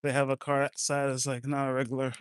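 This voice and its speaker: A man's voice: mid-range voice, monotone, quick pace, clear, resonant tone, no echo. A man from France, chatting casually and bluntly, swearing now and then. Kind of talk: casual chat.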